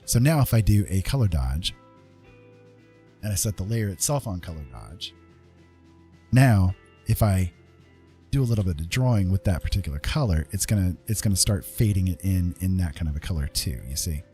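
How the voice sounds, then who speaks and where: Through a live digital art tutorial, an easygoing instructor and streamer talks casually and informally, often tagging his points with small check-in questions. His voice sits low and sounds animated and mellow, moving at a normal speed. Faint music plays behind him.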